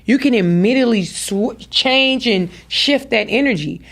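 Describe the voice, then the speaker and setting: Her voice on the high side and her pace moderate, an adult woman with daughters addresses her podcast audience head-on, preaching motivation through emphatic repetition.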